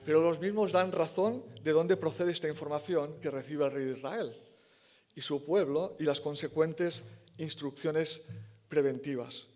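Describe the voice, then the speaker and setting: A man delivering a sermon in a church with a fairly high voice. He speaks emphatically but in a conversational way, often correcting himself and briefly acting out the lines he quotes. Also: a little slow, darkish tone. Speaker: preacher.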